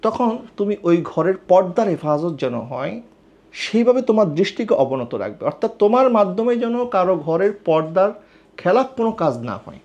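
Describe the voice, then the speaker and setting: A man's voice: sits high, very animated, normal speed, darkish tone. A man preaching an Islamic sermon in an earnest, admonishing way, asking rhetorical questions. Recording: dull lo-fi recording.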